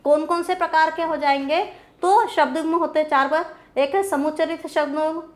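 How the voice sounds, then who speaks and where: High-voiced woman teaching grammar. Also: steady tone, fairly quick. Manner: repeats key terms and asks questions to herself. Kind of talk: classroom grammar lecture.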